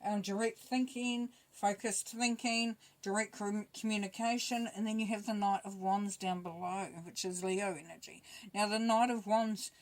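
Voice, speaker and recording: A woman giving a casual spoken tarot reading, relaxed and chatty, thinking aloud as she goes. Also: medium pitch, moderate pace, low-quality recording. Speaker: tarot reader.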